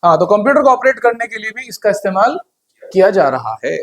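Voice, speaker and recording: A man's voice: high voice, very animated, a little fast. A man giving a conversational classroom lecture on computer hardware, often asking the class questions.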